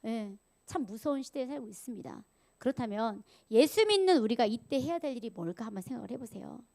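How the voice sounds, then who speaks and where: A woman evangelist preaching a sermon, animated, acting out angry voices and dropping to whispers. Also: a little high, brisk, vocal fry. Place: church sanctuary.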